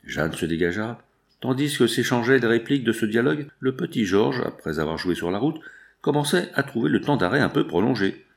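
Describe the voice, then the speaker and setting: A man narrating an audiobook novel in a measured storytelling manner. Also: medium pitch, sing-song, gravelly. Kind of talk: scripted narration.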